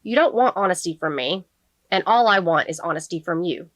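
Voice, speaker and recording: A weary teenage boy in a jail cell, guarded and quietly bitter, as a woman reading a novel puts him on. The sound is close and dry, the voice lowish. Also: lively intonation, brisk, dry recording.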